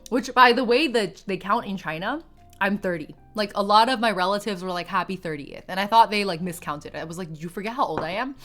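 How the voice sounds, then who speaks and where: A woman's voice: mid-range voice, a little fast, fairly bright tone, faint music behind. A woman in her late twenties, a streamer, chatting casually and rambling, giggling often and swearing offhand. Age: 20s. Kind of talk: casual chat with live chat.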